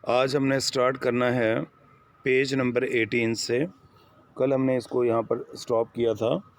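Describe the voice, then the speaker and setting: Male teacher, Pakistani accent, very slow delivery, reads English lines, translates phrase by phrase. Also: mid-range voice, level tone. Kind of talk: lecture explaining an English text line by line.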